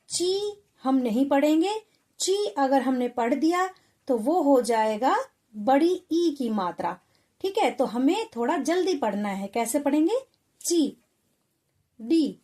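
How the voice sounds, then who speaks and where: A woman's voice: sits high, darkish tone. A woman teaching a Hindi lesson to children, patiently sounding out syllables one by one.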